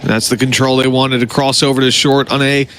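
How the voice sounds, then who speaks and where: A man's voice: mid-range voice, level tone, brisk, fairly bright tone. A man giving live esports match commentary and analysis as a caster, with game sounds audible behind him. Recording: clear game noise behind the voice.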